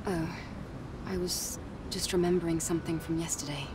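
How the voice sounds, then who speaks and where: A woman as Eve, soft reserved game soldier. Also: lowish voice, steady tone, normal speed, noisy background, natural voice. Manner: soft-spoken, guarded, sincere. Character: young female soldier, reserved and earnest. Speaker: protagonist. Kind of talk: game cutscene voice acting. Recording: distant voice over game music.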